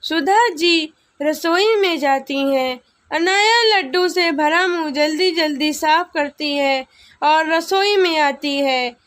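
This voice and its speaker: Very high-voiced slow woman narrator. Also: a bit bright. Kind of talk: scripted storybook narration.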